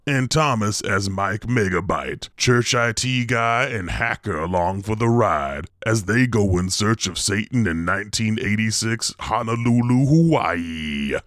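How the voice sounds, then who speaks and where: A man voicing a grimy, boastful male pirate radio DJ who calls himself the king of mess, talking in a slow, folksy drawl. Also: on the low side, animated, a bit bright, no echo, clean studio sound. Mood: promotional. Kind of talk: actual-play radio show bit.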